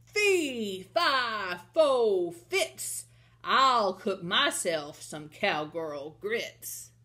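A woman voicing a big, mean giant man who chants in a slow, loud, booming voice. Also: big pitch swings, heavily acted. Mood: bellowing.

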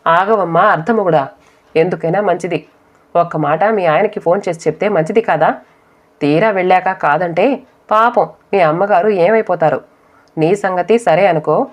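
A woman voicing a scheming sister-in-law who teases in a slow, drawn-out way. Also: fairly low pitch, natural voice. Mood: sly. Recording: dull lo-fi audio.

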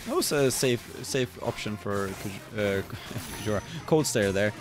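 A man casting a fighting game tournament in a relaxed, chatty way, with many fillers and frequent chuckles. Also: on the low side, measured pace. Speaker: esports caster. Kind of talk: casual game commentary. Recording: music playing behind.

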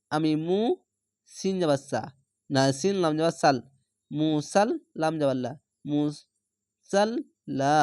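A Quran reading teacher giving a slow, patient lesson, spelling out syllables one by one and then blending them into words. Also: mid-range voice, darkish tone, no echo, studio quality. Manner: patient, repeats words slowly for learners.

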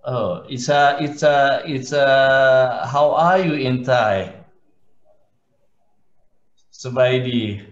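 A man giving an interactive online lecture, often repeating words and putting questions to the class. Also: medium pitch. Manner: hesitant pauses, repeats words and asks questions. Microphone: webcam video call. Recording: roomy, dull video-call audio.

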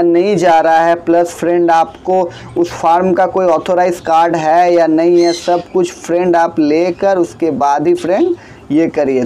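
Chatty young man with high voice. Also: darkish tone, slight background noise. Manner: chatty, repeatedly addresses viewers as friend. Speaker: bird farm owner. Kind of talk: casual how-to vlog. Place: small room with blue walls, indoors.

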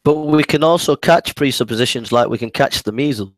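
A man's voice: mid-range voice, brisk, no room sound. Hesitant man in a dry debate. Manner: hesitant, many restarts and repeated words. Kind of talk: casual debate.

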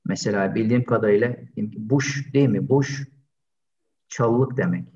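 A man teaching an online language lesson, slowly drilling pronunciation and patiently repeating each word several times. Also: fairly low pitch, darkish tone. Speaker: Arabic teacher. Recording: distant, dull lo-fi sound.

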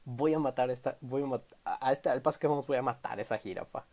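A man voicing a small female rabbit who trains harshly and without mercy, in a high mocking tone. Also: fast talker, a little mellow, lightly acted. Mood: menacing.

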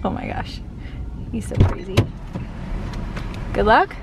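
A woman's voice: medium pitch, sing-song, takes it slowly, heavy background noise. A woman in her thirties chatting casually to the camera for a family vlog, rambling with fillers while running errands. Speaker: family vlogger.

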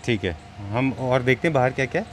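A man's voice: mid-range voice, animated, quick pace. A man with a mid-range voice chats casually as he walks through an outdoor pottery yard. He keeps asking questions and drops English phrases into his talk. Faint background noise runs under the voice. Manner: curious, asks prices, mixes English phrases into Hindi. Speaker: vlogger touring a pottery shop. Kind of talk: casual walkthrough chat.

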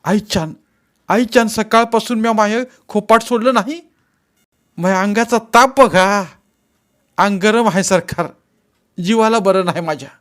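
A man's voice: high voice, a little slow, pauses often, a bit bright, pitched above the performer's own voice. A man voicing a poor, sick and frightened village man who pleads in rustic speech in a read-aloud story. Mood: pleading frightened.

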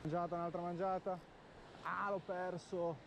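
A man's voice: high-pitched, level tone, normal speed, gravelly. A young man giving casual fishing-vlog commentary outdoors in short remarks to viewers. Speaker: fishing vlogger. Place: outdoors, street and riverside. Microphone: handheld or body-worn action camera. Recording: noisy outdoor action-camera audio. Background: loud ambient outdoor noise.

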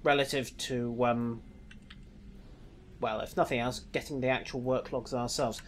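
A man's voice: medium pitch, steady tone, a little slow, a little hiss or hum. A man casually commenting on his gameplay with dry, wry asides. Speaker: let's play host.

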